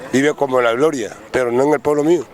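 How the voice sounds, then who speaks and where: A man with a Colombian Caribbean coastal accent speaks plainly in short, listing phrases. His voice sits at an everyday middle pitch, and he talks as a produce reseller being interviewed outdoors at a riverside market. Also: fairly even intonation, fast talker. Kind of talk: on-the-street interview.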